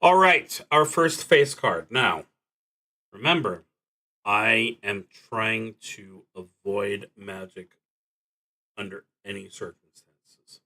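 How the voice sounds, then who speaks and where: A man streams a solo tabletop roleplaying game, thinking aloud haltingly and deliberately, trailing off between thoughts. His voice is on the low side, bright and forceful.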